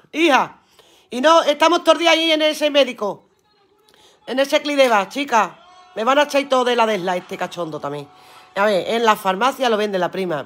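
A woman's voice: high-pitched, a bit bright. Brief: woman, live-stream seller, chatty and earthy, swears casually, laughs a lot. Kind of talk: casual live-stream chat reading viewer comments aloud.

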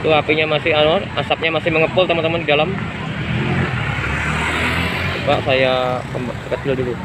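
Outdoors on a busy street at night by a burning mall, a citizen reporter vlogger holds up his phone camera for an on-the-spot video report. His slightly high voice moves little in pitch and comes fairly quickly, with loud street noise all around. He keeps repeating himself urgently and addresses viewers as friends.

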